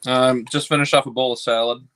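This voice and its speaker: A man's voice: medium pitch, flat delivery, fairly quick, fairly bright tone. A man chatting and joking as a guest on a casual live stream.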